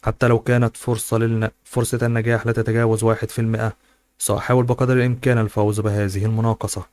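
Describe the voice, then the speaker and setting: A proud, pressured young wife in an audiobook, as a male narrator reads her, earnest and reproachful. He keeps her in his own low, flat voice. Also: rapid-fire, natural voice.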